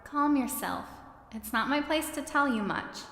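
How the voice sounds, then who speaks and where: A woman playing a composed empress in an audio drama, measured, authoritative and reassuring. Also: high-pitched, a bit bright. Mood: calm authority. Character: composed, commanding empress, reassuring to her subordinate. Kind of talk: scripted audio drama acting. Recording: roomy, reverberant, music behind.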